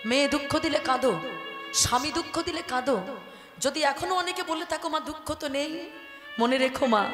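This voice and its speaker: Woman kirtan storyteller, emotional devotional sermon, high voice, echoey hall, music behind. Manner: emotional, addresses listeners as mothers and fathers.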